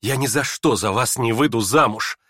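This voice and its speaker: A man reading aloud and voicing a proud young woman, furious and scornful, in shrill indignant outbursts. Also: normal speed, a bit bright, slightly rough, dry recording, studio quality. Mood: hysterical.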